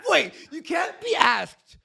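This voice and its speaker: A man giving casual live reaction commentary in an animated, exclamatory way. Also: extremely high pitch, takes it slowly, creaky, shouting.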